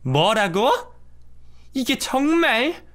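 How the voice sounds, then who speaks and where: A man voicing a domineering older mother-in-law in a radio drama story, shrill and sharp-tongued. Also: big pitch swings, very slow, full character voice. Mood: scolding.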